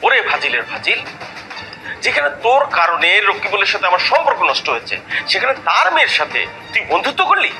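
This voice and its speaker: Guy acting as a sarcastic middle-aged dad, high lively voice, music going. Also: fast talker, exaggerated voice, rough recording. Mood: scolding. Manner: mocking, quarrelsome. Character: sharp-tongued middle-aged father, quarrelsome. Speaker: actor. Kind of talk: comic drama acting. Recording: dialogue over loud background music.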